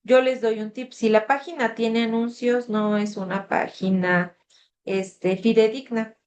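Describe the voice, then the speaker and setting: A woman's voice: fairly high pitch, fairly even intonation, measured pace, darkish tone. A woman tutor, talking casually to her class over a video call, with frequent fillers. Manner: conversational, reads the chat aloud, filler "este". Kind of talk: online class session.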